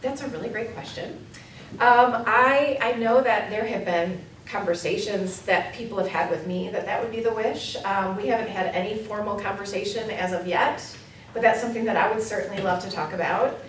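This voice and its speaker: A woman's voice: mid-range voice, a little hiss or hum. Upbeat woman reporting in an echoey room. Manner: enthusiastic, fast, filler-heavy. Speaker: immersion program presenter. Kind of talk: presenting a report at a board meeting. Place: meeting room. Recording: echoey room, mic far off.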